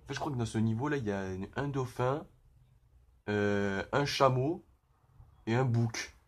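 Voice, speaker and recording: A young man giving casual, excitable let's-play commentary, full of slang and outbursts at the game. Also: mid-range voice, unhurried. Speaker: gaming youtuber.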